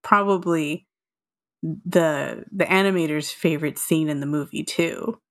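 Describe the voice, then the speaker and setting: A woman's voice: sits low, a little slow. A woman in her thirties, co-hosting a casual chat, laughing often and talking with many fillers. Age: 30s. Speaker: podcast co-host.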